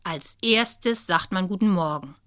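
A woman reading a children's story, voicing a bossy, outspoken schoolgirl who talks strictly and loudly. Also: on the low side, expressive, unhurried, no echo, clean studio sound. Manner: strict, loud.

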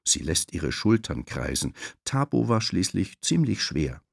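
Male audiobook narrator, low voice, very slow, lively intonation, dry studio sound. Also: creaky, breathy edge, no echo. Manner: slow, expressive storytelling.

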